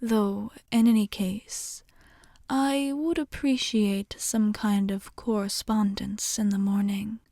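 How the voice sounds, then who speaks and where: In an ASMR roleplay, a woman voices a gentle, courteous vampire bartender, speaking softly and breathily in a near-whisper with polite, formal reassurance. Her voice is mid-range and her mood gentle and hesitant, in a dry, studio-quality recording.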